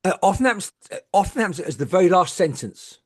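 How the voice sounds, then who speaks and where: A middle-aged woman, a medium, telling candid stories in lively chat, swearing freely and acting out the people she quotes. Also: lowish voice, quick pace, breathy edge. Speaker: guest medium.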